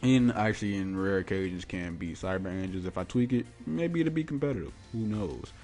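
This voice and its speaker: A man's voice: low voice, fairly quick, a little mellow. A man hosting his own gaming podcast, talking informally and colloquially in casual solo commentary. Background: music.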